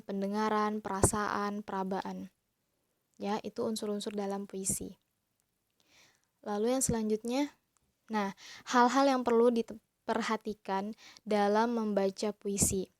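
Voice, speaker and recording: A woman teacher explaining slowly and patiently to young pupils in a recorded class lesson. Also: medium pitch, a little mellow, dry recording. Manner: slow, patient explaining to children.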